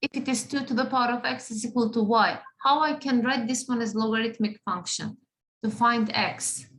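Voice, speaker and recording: A woman's voice: on the high side, fairly even intonation, moderate pace, a bit bright, low-quality recording. A woman teaching a math class, patient, often checking in with the students. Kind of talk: classroom lesson.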